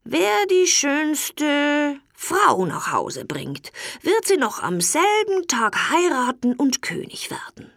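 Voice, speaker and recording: A woman's voice: huge pitch swings, vocal fry, fairly bright tone, no room sound, clean studio sound, exaggerated voice. A woman voicing an old, weak and kindly king and father from a fairy tale, drawing out his words in a raised voice. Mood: weary. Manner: slow, drawn-out, raised pitch.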